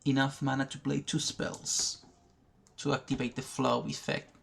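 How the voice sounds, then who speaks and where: A man giving educational commentary over a card game, thinking aloud slowly, pausing often and restarting his sentences. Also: mid-range voice, little pitch movement, creaky, fairly bright tone. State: has the hiccups. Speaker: gaming video creator. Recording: faint background noise, poor recording.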